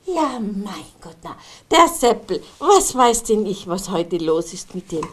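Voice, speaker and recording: A woman's voice: mid-range voice, very animated, unhurried. A woman with an Austrian German accent voicing Kasperl, a merry male puppet jester, chatting to the children in a puppet show. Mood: chatty. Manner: chatty, talks to the children in the audience.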